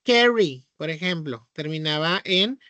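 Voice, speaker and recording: A Mexican man reviews English verb rules for his online class, speaking slowly and patiently and checking often that students follow. His voice is bright and clear, close and dry on the mic. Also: on the high side, animated, dry recording, highs cut off. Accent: Mexican Spanish. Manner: patient, explanatory, checks with frequent "¿sí?". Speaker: English teacher.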